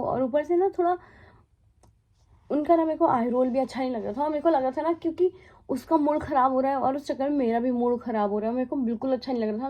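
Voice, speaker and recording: A woman's voice: high voice, lo-fi sound. Chatty young woman telling a story. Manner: chatty, mixes English into Hindi, frequent fillers. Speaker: cabin crew vlogger. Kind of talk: casual storytelling vlog. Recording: faint background music. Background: soft background music.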